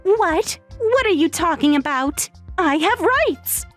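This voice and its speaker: Woman doing a very high young wife, shrill, pleading, lively swings, soft music under. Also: slow pace, full character voice. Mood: desperate. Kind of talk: dramatized text story.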